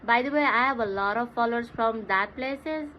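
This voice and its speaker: At a moderate pace and with a high-leaning voice, a woman with a Nepali accent keeps her livestream chat playful and casual, switching between English and Hindi over dull, noisy lo-fi audio.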